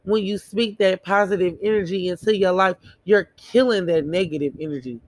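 A woman's voice: medium pitch, moderate pace, a little mellow, dry recording. A woman giving a casual motivational monologue in an earnest, emphatic way, repeating phrases for emphasis. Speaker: motivational speaker.

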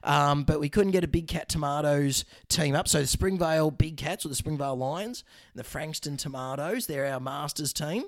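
A man's voice: fairly high pitch, normal speed, hardly any pauses. An Australian man hosting a podcast in casual chat with a jokey, matey way of talking. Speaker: podcast host, veterinarian.

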